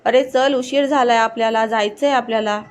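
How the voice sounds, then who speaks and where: A woman's voice: fairly high pitch, fairly even intonation, normal speed, a little hiss or hum, lightly acted. A woman voicing a carefree, mischievous young village man in a storybook reading, in a casual, teasing tone. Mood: urging.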